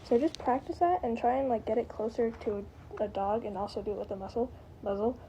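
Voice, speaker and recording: A woman's voice: fairly high pitch, fairly quick, dark tone, slight background noise, low-quality recording. A woman giving a casual, rambling spoken tutorial, hedging with lots of "like" and "kind of". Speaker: tutorial maker.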